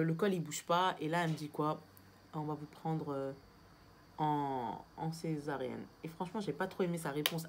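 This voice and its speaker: Young woman, vlogger, chatty storyteller, slightly low voice. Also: a little hiss or hum. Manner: chatty, animated, addresses viewers as girls. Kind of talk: casual storytelling vlog.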